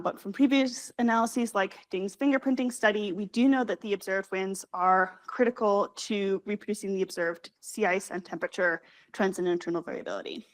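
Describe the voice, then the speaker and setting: A young woman, a graduate student, presenting her research at a scientific conference, talking quickly with many fillers and self-corrections. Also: mid-range voice. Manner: fast, hurried delivery with frequent fillers and self-corrections.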